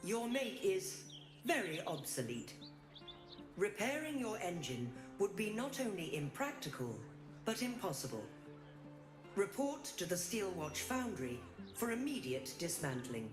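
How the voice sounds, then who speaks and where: A woman voicing a stern mechanical city guard construct that speaks in flat, official commands. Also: medium pitch, a little slow. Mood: commanding. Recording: echoey game audio. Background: game music.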